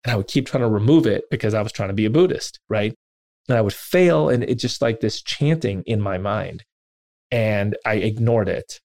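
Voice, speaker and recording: Low-voiced man telling a story earnestly. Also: normal speed, no echo. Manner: earnest, self-deprecating, animated retelling with quoted asides. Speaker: interviewer and podcast host. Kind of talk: reflective personal storytelling.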